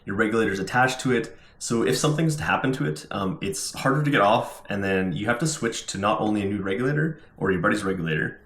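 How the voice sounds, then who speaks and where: A man's voice: lowish voice, animated, fast, few pauses, a bit bright. A man giving a casual, informal product demonstration as a scuba diver, explaining things step by step. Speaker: scuba diver reviewing gear. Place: indoors at home. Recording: roomy indoor echo.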